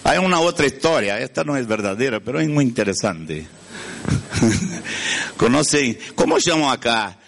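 A man's voice: mid-range voice, lively intonation, moderate pace, vocal fry, pauses often, a bit bright. A man from Brazil with a Brazilian Portuguese accent, a native Portuguese speaker, preaching a storytelling sermon in Spanish. He often asks his listeners questions and searches for words.

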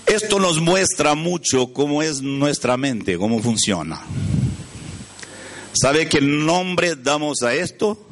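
A Brazilian man, a native Portuguese speaker with a Brazilian Portuguese accent, preaches a storytelling sermon in Spanish, often questioning his listeners and searching for words. His voice is fairly high-pitched with lively intonation, and he takes his time.

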